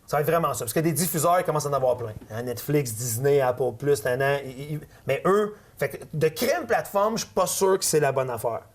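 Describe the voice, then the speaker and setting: A middle-aged man with a Quebec French accent, a guest in a casual interview who talks at length and drops low to land his points. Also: lively intonation, fast, hardly any pauses.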